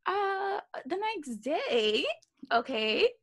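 A young woman chatting casually as a co-host, telling stories in a slangy, emphatic, animated way. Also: very high voice, extremely slow. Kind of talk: casual gossipy storytelling chat.

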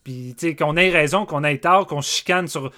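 A man with a Quebec French accent co-hosts a casual film podcast. His voice is bright and fairly high. He talks in an animated way and often repeats words as he gets going. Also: moderate pace. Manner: animated, repeats words when starting a thought. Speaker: podcast co-host.

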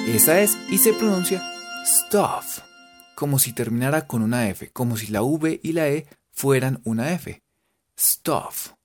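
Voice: medium pitch, a little mellow. A teacher with a Colombian Spanish accent, playfully spelling out English cooking words letter by letter and making jokes. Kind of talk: spelling out vocabulary in a casual lesson.

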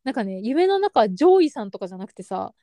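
Fast high-pitched young woman storyteller. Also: no echo. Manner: animated storyteller acting out quoted lines. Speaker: podcast co-host. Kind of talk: casual chat, telling a dream story.

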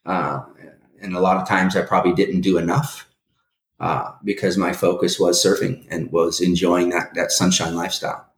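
A man's voice: deep voice, steady tone, normal speed, roomy sound. A man in his forties, a guest in a casual interview, telling his life story with many restarts and hesitations. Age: 40s.

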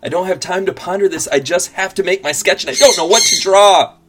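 A man's voice: sits high, a little fast, fairly bright tone, faint music behind. A man hosting a vlog, telling a comic story in an exaggerated, dramatic way with big swings in his delivery. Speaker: vlog host.

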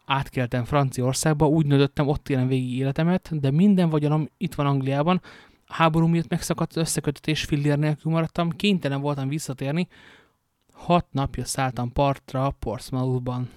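A desperate, seductive noble lady pleads in a raised, theatrical voice, voiced by a male reader. The storybook delivery is lifted and louder than his narration. The sound is dry and close. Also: a little high, steady tone, dry recording, close to an everyday voice. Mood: pleading.

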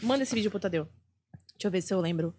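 A woman's voice: mid-range voice, rapid-fire, darkish tone, a little hiss or hum. A woman comedian, a guest on a podcast, chatting casually and swearing freely.

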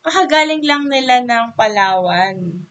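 A young Filipino woman co-hosting a podcast, chatting excitedly and gushing, mixing English into her talk. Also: a little high, unhurried, dull audio. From Philippines. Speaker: podcast co-host. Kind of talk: casual chat.

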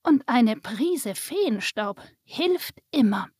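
A woman voicing a small, plump, grandmotherly female Christmas fairy who talks slowly and gently. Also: fairly high pitch, big pitch swings, breathy edge, no echo, clean studio sound, exaggerated voice. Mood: thoughtful.

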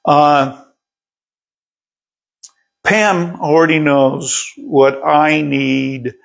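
Slow, gravelly-voiced man preaching. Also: a little high, fairly even intonation. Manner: conversational, repeats words, reads scripture aloud. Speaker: pastor. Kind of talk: sermon.

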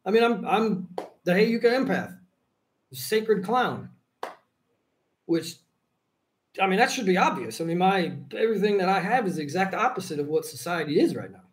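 High-voiced man, rambling and laughing. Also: lively intonation, moderate pace, long pauses. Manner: rambling, profane, laughs often mid-sentence. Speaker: podcast guest. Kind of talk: casual conversation.

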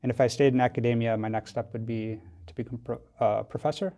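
Talking fast in a steady, dark-toned, mid-range voice, an American tech company founder from Wisconsin guests on a studio podcast. In this casual interview he explains things thoughtfully, with a hesitant delivery.

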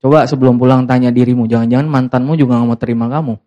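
A man's voice: mid-range voice, little pitch movement, racing, mellow, muffled recording, a little hiss or hum. A young man preaching a casual youth sermon, teasing the congregation and acting out quoted lines.

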